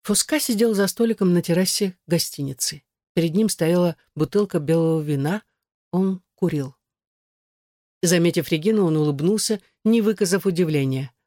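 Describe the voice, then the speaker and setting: Measured audiobook narrator, dry sound. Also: mid-range voice, mellow, dry recording. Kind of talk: scripted narration.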